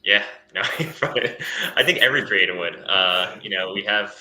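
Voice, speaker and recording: A man's voice: low voice, brisk, bright, forceful tone, reverberant, rough recording. A man in casual podcast chat, explaining how a tool works with many fillers and restarts. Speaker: guest explaining a crypto tool.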